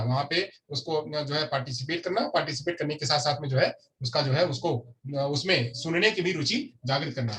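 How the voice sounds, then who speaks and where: Brief: male teacher, lecture delivery, a bit high-pitched, repeats himself, off-mic sound. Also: fairly bright tone. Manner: repetitive, asks and answers his own questions. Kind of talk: explanatory lecture. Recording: distant mic with faint noise.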